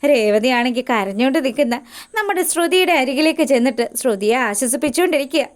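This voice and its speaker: A woman's voice: sits high, expressive, fast talker. A woman casually retelling a TV serial episode in a chatty, folksy way. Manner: chatty, folksy narration addressing listeners as 'our'. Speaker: storyteller recapping a TV serial.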